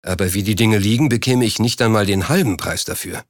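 A man's voice: lowish voice, brisk, dry recording, studio quality, lightly acted. A man reading an audiobook, voicing a proud, driven businessman who speaks curtly and a little irritably. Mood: defensive. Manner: curt, slightly irritated. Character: proud driven businessman, middle-aged, terse. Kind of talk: audiobook character voice.

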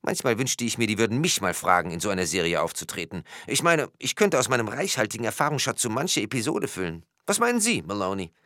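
A man voicing a naive, chatty male police officer who rambles with lively rising questions, in a read-aloud crime story. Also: fairly low pitch, fast talker, hardly any pauses, no room sound, clean studio sound, voice pushed up. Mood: wistful.

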